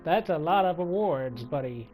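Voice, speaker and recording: A man's voice: on the high side, animated, moderate pace, darkish tone, faint music behind. Chatty man narrating a game menu. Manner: chatty, reads menus and counts items aloud. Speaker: let's play host. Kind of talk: casual gameplay commentary.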